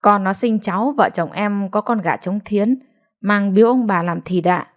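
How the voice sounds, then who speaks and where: Brief: gentle elderly country mother, deferential and soft-spoken, as a woman narrator puts her on. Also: mid-range voice, normal speed, close to an everyday voice. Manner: polite, hesitant, deferential. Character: humble, timid old country grandmother.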